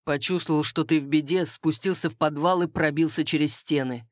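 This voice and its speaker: A woman's voice: sits low, fairly even intonation, brisk, dry recording, clean studio sound, lightly acted. A woman voicing a brusque, protective male warrior who talks in short worried bursts. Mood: curt. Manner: curt, worried.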